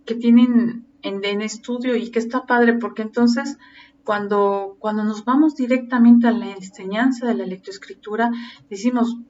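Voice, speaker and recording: A woman teacher explains things patiently to her class, often pausing on "este". The recording is distant and muffled, with a faint background hum, and her voice sits a little high. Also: steady tone, a little mellow. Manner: explanatory, frequent fillers and restarts. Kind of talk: lecture to teacher trainees. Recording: distant muffled mic with faint ambient noise.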